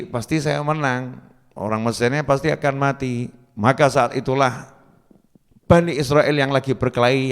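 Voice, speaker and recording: A man with an Indonesian accent giving a storytelling sermon, acting out quoted speech and reciting Arabic verses. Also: mid-range voice. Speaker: preacher. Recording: long hall reverb.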